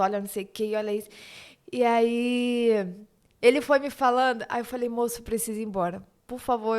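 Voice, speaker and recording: Brief: young Brazilian woman, fairly high voice, lively anecdotal chat. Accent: Brazilian Portuguese. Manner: animated storyteller, quotes others in dialogue. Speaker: guest, eyebrow studio owner. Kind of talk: casual podcast chat.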